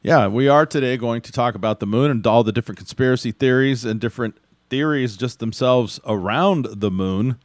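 An American man with a middling pitch hosts a podcast in a casual, conversational style. The sound is very dry, with no room on it. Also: a little fast, no echo. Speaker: podcast host.

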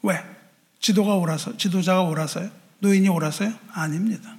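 A man with a high, light voice preaches from the pulpit. He tells a story and voices the people in it, and his phrases often fall away softly at the end. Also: a little fast. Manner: storytelling, acts out quoted lines, soft drops at phrase ends. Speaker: pastor. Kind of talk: sermon.

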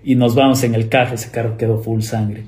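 A man's voice: medium pitch, brisk. A young man from Ecuador with an Ecuadorian Spanish accent, a guest telling a story in a casual, slangy way and acting out the voices in it. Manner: lively anecdote-teller who acts out the voices in his story; slangy, with many fillers.

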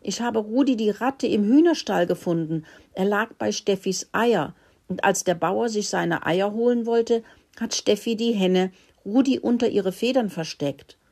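A woman voicing a caring, fretful father mouse in a children's story, speaking in a squeaky voice. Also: measured pace, a little mellow. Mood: relieved. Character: caring but scolding older father mouse.

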